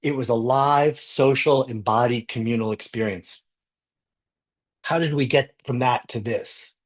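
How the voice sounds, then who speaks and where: A man's voice: medium pitch, a little slow. A man giving a conference keynote, enthusiastic, often repeating words as he goes. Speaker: conference speaker. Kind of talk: keynote talk.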